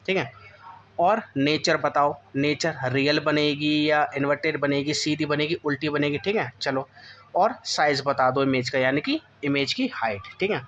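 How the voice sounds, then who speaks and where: A man teaching a class ten physics lesson, often asking students questions and checking that they follow. He keeps saying "okay" and reads English textbook lines in an Indian English accent, slowly and deliberately. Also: a little high, fairly bright tone, lo-fi sound, slight background noise. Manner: addresses students as beta, repeats "theek hai" often. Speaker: physics tutor. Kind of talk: board-exam coaching lesson.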